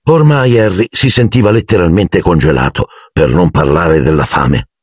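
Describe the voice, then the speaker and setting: A man reading an audiobook aloud in an expressive, animated way. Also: low-pitched, moderate pace, husky, no room sound. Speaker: audiobook narrator. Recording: dry close recording.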